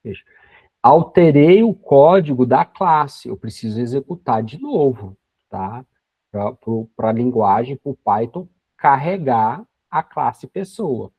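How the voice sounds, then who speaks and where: Patient and fond of tag questions, a man in his forties explains a programming class step by step in a screen-recorded lesson. His mid-range voice is slightly rough, and the recording is dry and dull with lo-fi quality and no room sound.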